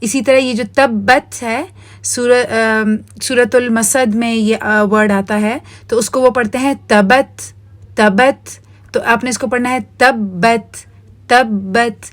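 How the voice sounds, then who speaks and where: Woman teacher, Pakistani Urdu accent, slightly high voice, patient explainer who mixes in English words. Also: fairly even intonation. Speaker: Quran recitation teacher. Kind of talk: recorded online lesson over slides.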